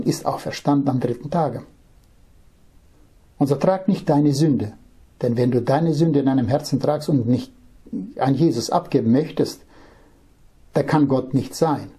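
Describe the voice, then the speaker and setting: A man preaching a Bible-teaching sermon, reading scripture verses slowly and then explaining them, earnestly speaking straight to the listener. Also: medium pitch, warm tone, slightly rough. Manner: earnest, addresses listener directly with "ja?".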